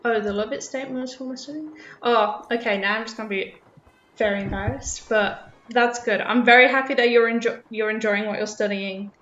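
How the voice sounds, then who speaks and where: Her voice is a little high and a bit bright, brisk, with fairly even intonation, as this game streamer from the UK, raised partly in Australia, chats nervously and self-consciously with viewers while playing. She rambles on in an echoey room. The audio loses its highs and has a little hiss or hum.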